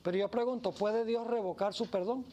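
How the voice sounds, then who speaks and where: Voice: medium pitch, fairly even intonation, fairly quick, dark tone. Emphatic preacher telling a parable. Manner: emphatic, acts out the story. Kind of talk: sermon.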